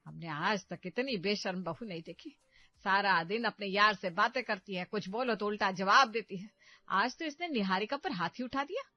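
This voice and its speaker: A woman's voice: medium pitch, moderate pace, no echo, lo-fi sound, close to an everyday voice. Woman playing a bossy scheming mother. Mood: domineering. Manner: loud, domineering, stirs up trouble. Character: scheming meddling middle-aged mother, bossy.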